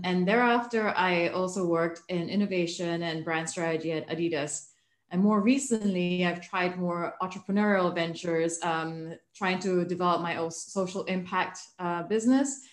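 A woman in her thirties from Malaysia, a book author answering interview questions in a thoughtful, measured way with frequent fillers. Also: on the low side, steady tone, reverberant. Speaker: guest, author. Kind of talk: remote interview.

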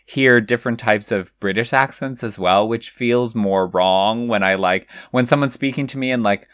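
A man chatting casually, relaxed and reflective, with fillers and restarts. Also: medium pitch, moderate pace, clear, resonant tone, dry recording, studio quality. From mother from Cork, Ireland. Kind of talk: casual chat.

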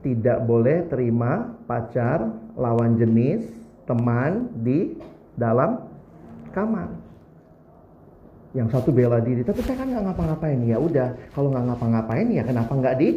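A man preaching a sermon, humorous and animated, putting questions to the congregation. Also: mid-range voice, measured pace, pauses often. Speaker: pastor. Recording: roomy, slightly dull, faint background noise.

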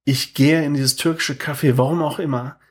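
A man in his thirties co-hosting a podcast, telling a story in lively casual chat and tagging his sentences with "ne?". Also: fairly high pitch, normal speed. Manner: animated, tags sentences with "ne?". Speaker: podcast co-host.

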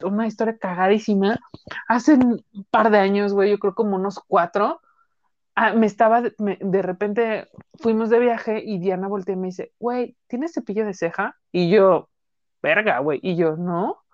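A young Mexican woman in casual, profane chat, telling animated stories. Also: medium pitch, normal speed, no echo. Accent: Mexican Spanish. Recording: dull lo-fi sound.

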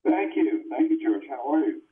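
An older man calling into a radio interview as an exorcist guest. He talks in an earnest, halting way, full of fillers and restarts, over a tinny, distant phone line that sounds like a headset mic. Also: on the high side, huge pitch swings, gravelly.

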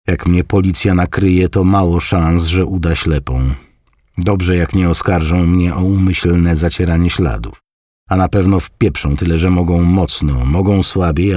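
A man's voice: low-pitched, dark tone, dry recording, clean studio sound, voice pushed up. A man voicing a wry grandson working as a private investigator in an audiobook. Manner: wry, reasoning aloud. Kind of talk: audiobook reading.

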